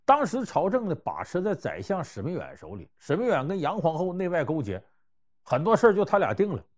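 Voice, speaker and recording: A man telling historical and everyday anecdotes to give life advice, conversational and animated, swinging between loud and hushed. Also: a little high, brisk. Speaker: storyteller giving life advice. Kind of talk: anecdotal storytelling talk.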